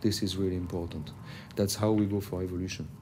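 A man who is not a native English speaker, talking reflectively and haltingly, repeating himself as he searches for words. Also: deep voice, steady tone, darkish tone, a little hiss or hum. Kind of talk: reflective interview talk.

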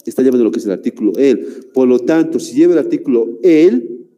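Man, classroom teacher, slow, deliberate delivery, keeps checking in with the class, dark voice, reverberant room. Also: medium pitch, lively intonation. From Bolivia. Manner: slow, deliberate, repeats phrases, keeps asking "¿no?". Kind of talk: classroom grammar lesson.

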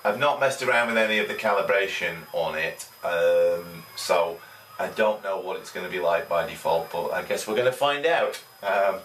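A low-pitched, fairly bright-toned middle-aged man talks through a casual product review at home, rambling and leaning on fillers. He's in a small room with a desk and computer, captured by distant camera audio that sounds roomy and carries a faint hiss.

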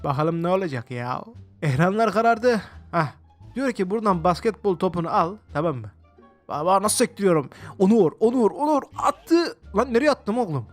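A man with a high voice gives running commentary on a video game he is playing. He talks to his viewers, exclaims often and reacts loudly to everything on screen. Faint game music plays under his voice. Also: big pitch swings, a little fast. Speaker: gaming video host. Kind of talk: let's-play game commentary.

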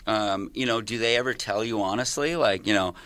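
A man's voice: on the low side, fairly quick, fairly bright tone. A man hosting a casual podcast, asking teasing questions, joking crudely and swearing. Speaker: podcast host.

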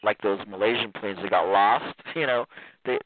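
A male guest from Iran speaks in a casual interview over a tinny phone line, his voice fairly low-pitched at a normal pace in a dry recording. He rambles, restarting often and laughing frequently.

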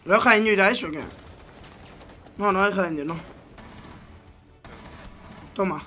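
A young man with a Spain Spanish accent, a gaming YouTuber reacting to gameplay, muttering low one moment and yelling loud, profane hype-caster calls the next. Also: a little slow, over music. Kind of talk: excited gameplay reaction commentary.

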